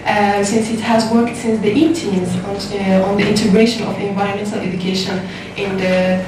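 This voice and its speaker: A young woman in her twenties with a North African, giving a halting, formal academic presentation. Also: medium pitch. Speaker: student presenter. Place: indoor seminar room, far from mic. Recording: very echoey room, distant mic, noisy.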